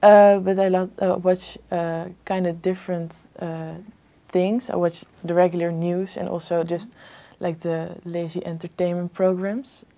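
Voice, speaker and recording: A woman's voice: fairly low pitch, flat delivery, unhurried, mellow. A young woman from the Netherlands, answering exam questions hesitantly with many fillers and restarts. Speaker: exam candidate. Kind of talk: spoken English exam answers.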